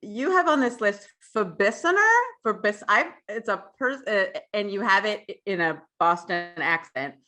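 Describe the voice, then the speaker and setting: A woman in her thirties co-hosting a live podcast, bubbly and quick to laugh. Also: medium pitch, lively intonation, sharp tone. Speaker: podcast co-host.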